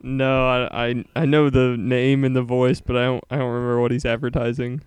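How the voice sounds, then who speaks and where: An American man with a smooth, resonant voice of medium pitch takes part in a quiz. His talk is casual and conversational. The sound is close and dry. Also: flat delivery, a little fast, dry recording. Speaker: quiz contestant. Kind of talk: casual chat.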